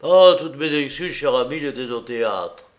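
A man voicing a charming, playful gentleman thief in an audiobook reading. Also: mid-range voice, animated, moderate pace, close to an everyday voice. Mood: sly. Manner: gallant, playful.

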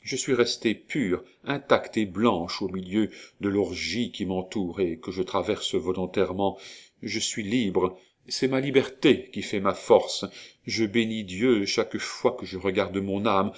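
Man reading as proud young noblewoman, haughty, passionate, a bit low. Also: a little slow. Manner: haughty, impassioned.

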